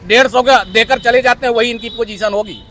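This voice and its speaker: A man, a social activist, arguing loudly and combatively in an outdoor street interview. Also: extremely high pitch, steady tone. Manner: loud, combative, rapid-fire accusations.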